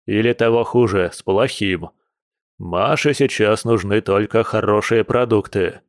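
A man's voice: on the low side, a little slow, no room sound, clean studio sound. A man voicing a sly old male bear general who speaks in a weighty, self-justifying way in an audiobook.

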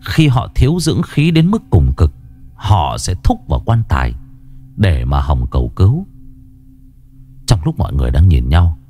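A man narrating a ghost story in an expressive, dramatic way. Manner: expressive, swinging pitch. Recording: narration over background music.

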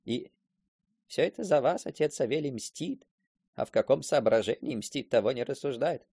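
An actor playing a talkative old village man in a radio play, in a husky, creaky voice that mimics others as he tells his tale. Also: mid-range voice, lively intonation, moderate pace, mellow, no room sound, studio quality. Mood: gossiping. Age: older. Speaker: storyteller character.

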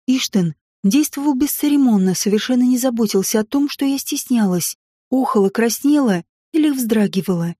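A woman narrating a romance novel in the first person, in an intimate, expressive reading. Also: fairly high pitch, husky, dry recording, studio quality. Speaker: audiobook narrator.

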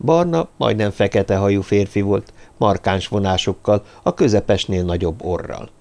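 A man reading a novel aloud as an audiobook narrator, in a measured storytelling style. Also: on the low side, a little mellow. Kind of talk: scripted narration.

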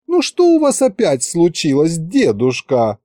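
A capricious young woman, as a male storyteller puts her on, drawling and whining with impatience. The voice sits higher than his own in a dry, close reading. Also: huge pitch swings, moderate pace, warm tone, no room sound. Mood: whiny. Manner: drawling, whiny.

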